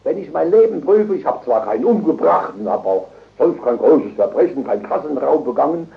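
An older man preaching a fervent revival sermon, emotional and surging to loud, high exclamations, on a dull old tape recording. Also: very animated, normal speed, creaky.

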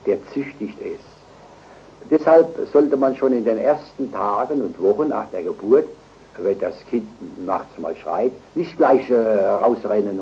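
An older man preaching a sermon emphatically, swinging between loud stresses and low asides. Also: a little hiss or hum. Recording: dull lo-fi recording.

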